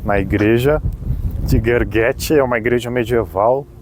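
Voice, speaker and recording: A man's voice: medium pitch, moderate pace. A Brazilian man with a Brazilian Portuguese accent, chatting through a travel vlog, explaining facts and cracking jokes as he drives a mountain road and tours outdoors. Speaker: travel vlogger. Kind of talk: casual travel vlog narration. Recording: distant mic with loud road and outdoor noise. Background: car and outdoor ambience.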